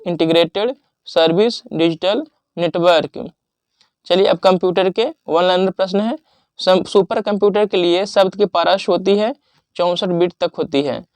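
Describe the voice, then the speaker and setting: Guy w a high smooth voice reading off exam revision lists, steady n paused. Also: no room sound. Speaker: exam prep teacher.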